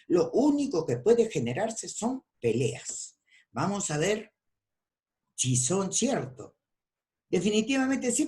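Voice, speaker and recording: A woman with a deep, low-toned voice teaches a class over a video call, her pitch rising and falling a great deal. She keeps asking her students questions and then answers them herself. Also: a little mellow. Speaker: university lecturer. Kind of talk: online class lecture.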